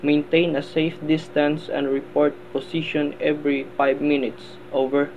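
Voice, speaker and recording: A man's voice: on the high side, flat delivery, moderate pace, a little mellow. A man playing a formal vessel traffic service operator in a scripted marine radio exchange, with procedural phrasing. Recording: tinny band-limited radio sound, faint noise.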